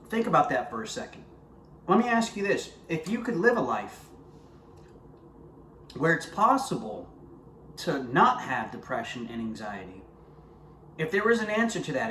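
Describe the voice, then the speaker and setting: A man's voice: high voice, a bit bright, slight background noise. A man earnestly sharing his personal faith testimony to camera and talking straight to his viewers. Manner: earnest, conversational, addresses viewers directly. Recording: roomy echo with faint ambience.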